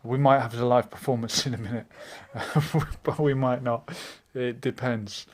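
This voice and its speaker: A man's voice: mid-range voice, fairly even intonation, unhurried, a little mellow. A man hosting a casual live stream, reading out viewer comments and chatting in a meandering way with frequent hesitations.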